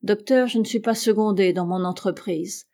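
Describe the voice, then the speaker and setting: Stern angry sea captain, a woman reading him in a storybook, curt and severe, mellow low tone. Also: normal speed, close to an everyday voice. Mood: stern, bitter. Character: stern, proud, angry male ship captain.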